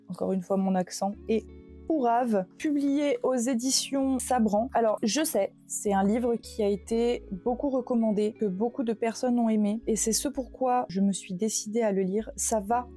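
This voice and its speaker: A woman's voice: on the high side, mellow. A young woman speaking in a chatty, self-mocking way, often laughing, reviewing books she has read. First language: French. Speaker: book reviewer. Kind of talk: casual book review vlog.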